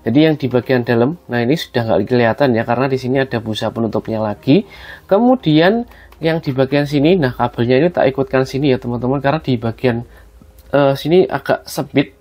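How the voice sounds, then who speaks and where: This man's voice sits in the mid range, a bit mellow and fairly quick, with a Javanese-region Indonesian accent. He talks viewers through a relaxed hands-on tutorial in the manner of a product reviewer among friends, with music in the background.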